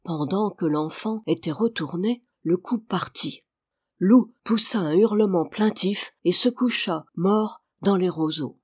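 Measured audiobook narrator, dry close sound. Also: mid-range voice, slightly rough, no room sound. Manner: measured, even storytelling delivery. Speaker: audiobook reader. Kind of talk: scripted narration of a classic novel.

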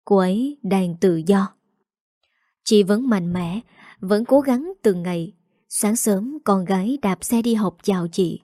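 A woman narrating a dramatic story in a soft, steady way. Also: medium pitch, takes it slowly, no echo, studio quality.

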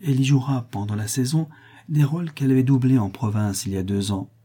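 Guy reading as a sharp lady's maid, polite and matter of fact, darkish husky tone. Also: mid-range voice, fast talker, pitched above the performer's own voice, natural voice. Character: shrewd, sharp-witted lady's maid in her late thirties.

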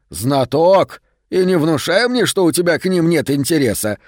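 A cranky bookseller , as a male audiobook reader puts him on, grumbles in a higher, louder register than the narration. He scolds and complains throughout. The recording is close and dry. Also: no echo.

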